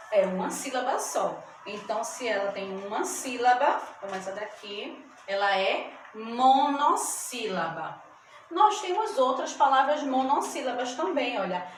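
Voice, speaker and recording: A woman teacher giving a lesson to children, stretching out words syllable by syllable and often checking that they follow. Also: on the high side. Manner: slow, drawn-out syllables, checks in with "tá bom?". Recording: echoey room, mic at a distance, background noise.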